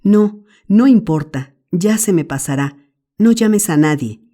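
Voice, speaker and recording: A woman's voice: medium pitch, animated, slow, warm tone, voice pushed up. A woman voicing a mischievous boy who whimpers and pleads theatrically, in an audiobook. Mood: whimpering. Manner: whimpering, melodramatic. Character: mischievous boy faking illness.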